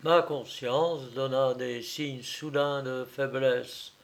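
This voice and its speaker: A man narrating a story in a measured, theatrical audiobook reading. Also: mid-range voice, steady tone.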